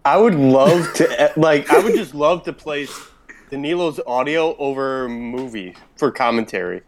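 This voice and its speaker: A man's voice: mid-range voice, lively intonation, slight background noise. Guy joking on a podcast, kinda trips over his words. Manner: joking, a bit halting. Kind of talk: casual podcast chat.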